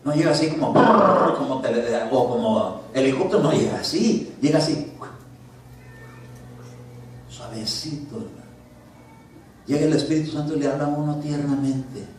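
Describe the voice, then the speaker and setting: Echoey preaching man, loud then soft. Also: mid-range voice, fast, hardly any pauses, slight background noise. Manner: conversational preaching, swings from loud commands to soft asides. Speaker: pastor. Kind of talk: sermon. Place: church. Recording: very echoey church hall from a distance.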